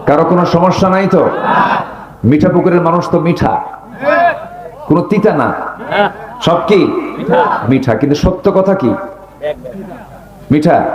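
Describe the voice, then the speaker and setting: A man's voice: high voice, lively intonation, slow pace, long pauses, echoey room, poor audio. A man preaching a sermon with fire, throwing rhetorical questions at the gathering. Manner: fiery, rhetorical questions to the crowd. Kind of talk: Bengali waz sermon.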